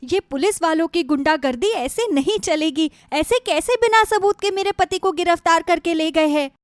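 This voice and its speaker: A woman's voice: high-pitched, expressive, a little slow, no room sound, clean studio sound. A woman voicing a distraught young bride in a storybook tale, speaking in a tearful, pleading manner.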